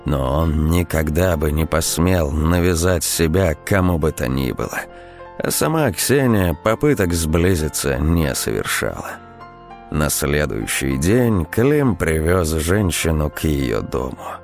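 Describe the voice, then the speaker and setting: A man narrating an audiobook in a measured, even manner. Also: a bass voice, faint music behind.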